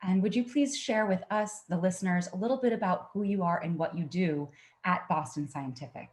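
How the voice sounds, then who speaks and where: Give me a woman hosting a podcast interview with a slightly low voice. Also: fairly quick, darkish tone. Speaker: podcast host.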